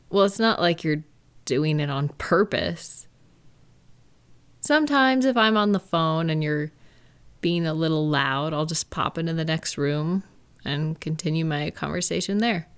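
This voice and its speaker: In what sounds like intimate comfort roleplay audio, a woman plays a gentle live-in partner, speaking in a low-pitched voice. Tender, reassuring and lightly amused, she takes her time, as though in a private one-sided conversation.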